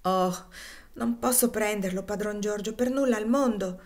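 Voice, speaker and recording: A woman voicing a humble old slave, soft. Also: lightly acted. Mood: gentle pleading. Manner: soft, low and slow, pleading. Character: gentle, devoted older male slave, humble.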